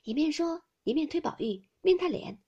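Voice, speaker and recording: A woman reading a classical novel aloud as audiobook narrator, reciting the verse lines slowly and measuredly. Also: high-pitched, animated, dark tone, muffled recording.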